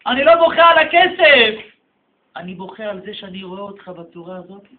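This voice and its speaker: A man's voice: high-pitched, flat delivery, close to an everyday voice. A man voicing an old father who is confused and grieving, in a tinny, echoey recording.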